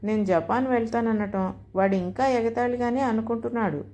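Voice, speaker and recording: A fussy, naive elderly mother-in-law from a storybook, chiding and then begging in a fairly high voice, as a woman narrator puts her on. She scolds easily and muddles things up, yet keeps pressing her case. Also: normal speed, warm tone, natural voice. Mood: pleading. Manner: chiding, pleading, easily confused. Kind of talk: storybook dialogue.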